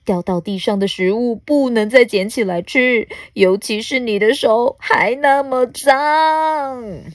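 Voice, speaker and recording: A woman voicing a tiny, worried little bug in a children's storybook reading, giving hushed, tutting warnings. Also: fairly high pitch, slow pace, no echo, studio quality, voice pushed up. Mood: scolding.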